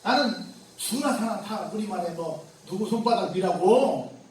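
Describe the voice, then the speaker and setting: A man's voice: high voice, animated, a little slow, far from the mic, a little hiss or hum. A male pastor preaching a sermon in a conversational way, firing rhetorical questions at the congregation. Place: church sanctuary. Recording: very echoey church room from afar.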